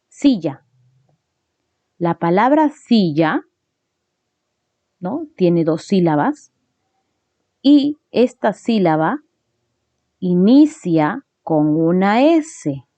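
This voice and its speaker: A woman's voice: mid-range voice, a little mellow, dry recording. A woman teacher explaining a grammar lesson step by step, often checking in with tag questions. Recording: dull lo-fi recording.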